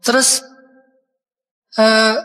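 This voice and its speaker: Male preacher, casual and expressive sermon storytelling, recorded in a reverberant hall. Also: sits high, drawn-out words. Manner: casual Indonesian preaching with lively acted quotes.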